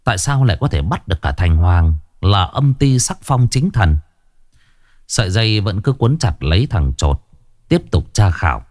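A man narrating a ghost story with a lively storytelling delivery. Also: on the low side, normal speed, no echo, clean studio sound.

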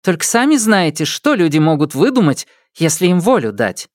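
A man reading an audiobook, voicing a sharp-tongued, mocking young court lady who teases and scolds with impatience. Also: high voice, big pitch swings, moderate pace, no echo, clean studio sound, voice pushed up. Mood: irritated.

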